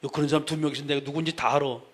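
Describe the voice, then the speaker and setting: A man's voice: on the high side, fairly even intonation, very fast, breathy edge. A male pastor preaching a sermon in a conversational way, speaking straight to the congregation and repeating his key phrases for emphasis.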